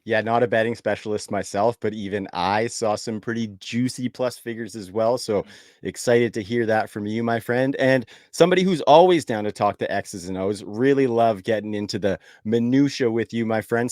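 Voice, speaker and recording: A man's voice: on the low side, moderate pace, darkish tone, no room sound, studio quality. A young Canadian man in his late twenties or early thirties, hosting a casual sports podcast in an upbeat, chatty way and laughing easily. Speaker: podcast host.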